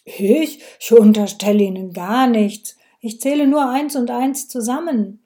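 A woman reading an audiobook voices a gruff, mocking male village policeman who talks loud, clipped and sarcastic. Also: on the high side, a little slow, natural voice. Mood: thundering.

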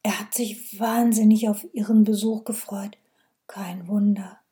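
A woman's voice: high-pitched, normal speed, dark tone, natural voice. A woman reading an audiobook voices a shy, nervous female carer who speaks hesitantly and sinks to a whisper.

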